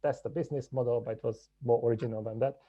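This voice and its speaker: A man from Hungary, a podcast guest telling his story in a measured, reflective way. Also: medium pitch, steady tone, warm tone, highs cut off. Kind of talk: podcast interview.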